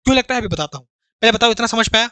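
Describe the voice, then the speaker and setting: A man's voice: extremely high pitch, expressive, rapid-fire, pushed and bright, clean tone, no echo. A man teaching an exam-prep grammar lesson, explaining through rhetorical questions and repetition and speaking to his students familiarly as brothers.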